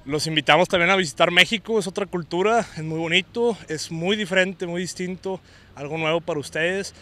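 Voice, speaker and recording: A man's voice: sits high, brisk, sharp tone. A man with a Mexican Spanish accent, a tourist enthusiastically talking in a street interview.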